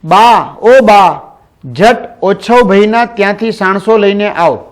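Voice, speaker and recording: A man voicing a loud-voiced young daughter who calls out urgently, in a storybook lesson. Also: high-pitched, expressive, a little slow.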